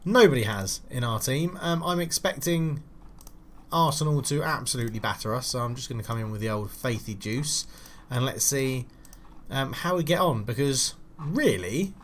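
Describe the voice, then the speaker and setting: A young man talks through his football management save in a mid-pitched, everyday voice. He grumbles, swears and bursts out loudly at his players, then drops back into casual chat. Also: lively intonation, normal speed, slight background noise. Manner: frustrated, swears, loud outbursts at his team. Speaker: gaming channel host. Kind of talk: casual game commentary.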